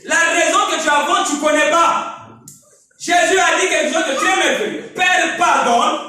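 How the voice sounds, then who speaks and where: A man preaches in a very high, bright and forceful voice, pressing his points with shouts and repeatedly asking his listeners if they follow. He sounds distant from the microphone in a strongly echoing room, with faint noise behind him. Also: fairly even intonation, normal speed. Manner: emphatic preaching, often shouting and checking in with listeners. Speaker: pastor. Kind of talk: sermon. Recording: echoey room, mic far off, faint noise.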